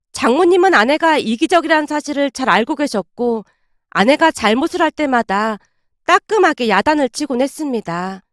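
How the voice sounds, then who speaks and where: Woman storyteller, high-pitched, dry and steady scripted narration. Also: no room sound. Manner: even first-person storytelling.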